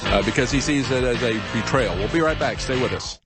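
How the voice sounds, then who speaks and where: A man with a husky voice hosting talk radio, giving unscripted political commentary and chatting with callers. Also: medium pitch, a little fast, over loud music.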